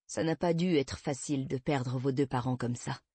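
A woman voicing a calm male police captain who asks measured, quiet questions in an audiobook reading. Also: lowish voice, no echo. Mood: calm probing.

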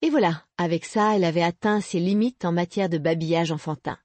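A woman narrating an audiobook with steady, even reading. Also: fairly low pitch, brisk, no echo. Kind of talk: scripted narration.

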